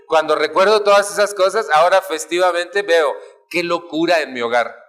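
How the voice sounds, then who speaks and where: A man's voice: fairly high pitch, moderate pace, fairly bright tone. A man with a Mexican accent giving a humorous talk to a live audience, playfully acting out family arguments with shifting voices. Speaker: speaker at a family recovery talk.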